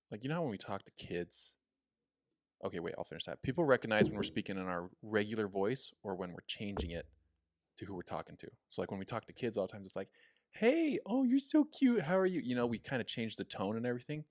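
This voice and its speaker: Chatty low-voiced young man. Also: fast talker, dry recording, studio quality. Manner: chatty, filler-heavy, demonstrates voice tones. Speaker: podcast co-host. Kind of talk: casual podcast chat.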